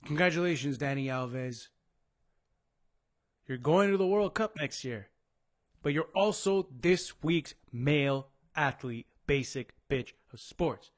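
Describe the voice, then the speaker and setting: Guy hosting a live sports show, kinda high voice, crude mocking rant. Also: lively intonation, slow.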